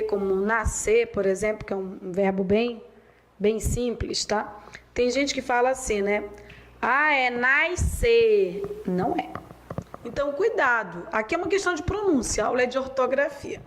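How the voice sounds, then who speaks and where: A Brazilian woman teaching a spelling lesson, dictating words slowly and drawing them out. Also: a little high, low-quality recording. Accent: Brazilian Portuguese. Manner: slow, drawn-out dictation of words.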